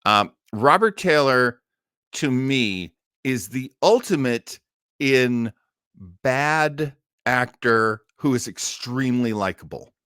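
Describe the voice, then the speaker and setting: A man running a casual old-time radio listening livestream rambles and veers off topic as he talks, taking it slowly with lively intonation. His medium-pitched voice is pushed, bright, clear, and resonant, with studio quality and no echo.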